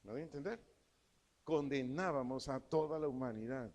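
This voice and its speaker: A man's voice: medium pitch, normal speed, a little mellow. A man preaching a sermon as pastor, reading scripture aloud with emphasis and repeating key words. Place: church. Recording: church sermon with long hall reverb.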